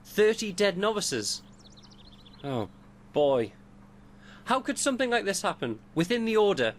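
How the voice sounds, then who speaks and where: A man's voice: sits high, sing-song, measured pace. An actor playing a troubled male town guard in a fantasy video game, grave and lamenting in his delivery. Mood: shocked, grave. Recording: faint background ambience noise.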